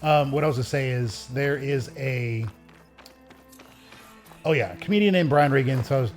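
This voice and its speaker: A man's voice: mid-range voice, normal speed, soft background music. A man co-hosting a casual video game let's-play, rambling through stories and laughing often. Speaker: gaming channel co-host.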